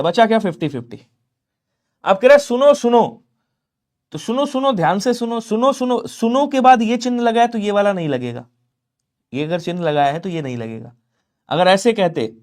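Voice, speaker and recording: A man teaching an exam-prep Hindi lesson, working through questions and answering for his students in an animated way. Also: sits high. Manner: animated, chanting examples and answering for the class; talks to viewers directly with tag questions.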